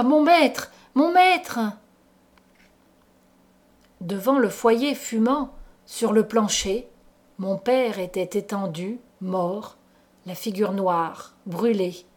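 Woman reading a spooky old story, takes it real slow, dramatic. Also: medium pitch, a little mellow. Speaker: audiobook reader. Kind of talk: literary audiobook narration.

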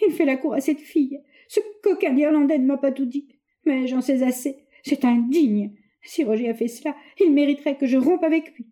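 Tearful jealous young lady, put on by a female reader, high and strained. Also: a little fast, dark tone, close to an everyday voice. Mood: sobbing distress. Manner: tearful, pleading, accusing.

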